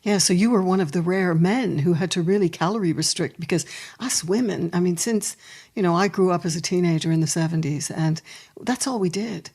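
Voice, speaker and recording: A woman's voice: on the low side, a little fast, darkish tone, slightly rough. A woman in her sixties hosting a podcast, chatty and enthusiastic as she talks with her guest. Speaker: podcast host. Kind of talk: podcast interview.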